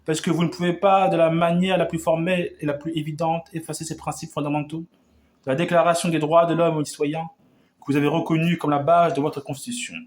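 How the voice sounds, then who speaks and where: A man with a fairly high voice delivers an old revolutionary speech as oratory. He builds long rhetorical sentences and often trips over words and starts them again. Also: flat delivery, fast. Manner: oratorical, with frequent stumbles and restarts. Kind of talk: declaiming a historic revolutionary speech.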